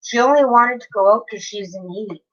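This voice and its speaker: A woman's voice: fairly high pitch, fairly quick, dull audio. Chatty swearing woman. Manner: chatty storytelling, frequent swearing. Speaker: livestreamer. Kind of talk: casual livestream chat. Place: home, near an open window.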